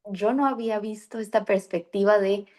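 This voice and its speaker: In a conversational podcast interview on bilingual child-rearing, the host, who coaches parents on bilingualism, reflects aloud with frequent fillers and restarts. Her mid-range, darkish voice stays steady at a moderate pace.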